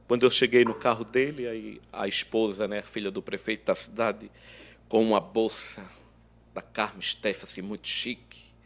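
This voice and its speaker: A man telling an emotional faith testimony as a podcast guest, acting out every quoted line of dialogue. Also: creaky. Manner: animated, acts out quoted dialogue with big swings in pitch and loudness.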